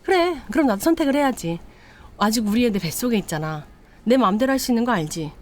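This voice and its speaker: A woman's voice: a little high, animated, fast, darkish tone, a little hiss or hum, pitched above the performer's own voice, lightly acted. A woman voicing a cruel, scheming young wife who taunts and sneers in a retold story. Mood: taunting.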